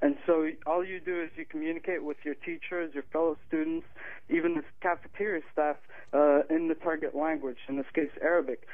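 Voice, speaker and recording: A man's voice: on the high side, steady tone, fairly quick, no room sound. A man from Morocco, an author and Arabic teacher, calling in to a radio interview, articulate with hesitant fillers. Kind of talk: radio interview over the phone. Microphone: telephone. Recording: tinny phone line.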